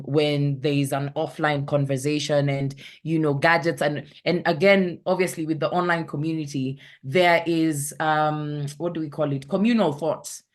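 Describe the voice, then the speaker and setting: Speaking in a low voice, a Kenyan-accented content creator talks informally on an online panel. She frequently hunts for words and brings her stories to life by acting them out.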